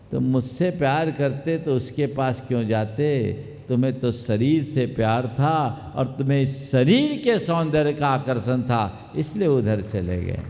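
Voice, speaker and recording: A man voicing a sensible, sharp-tongued young woman who speaks firmly and with rebuke, as a story inside a sermon. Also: medium pitch. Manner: firm and rebuking. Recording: long hall reverb.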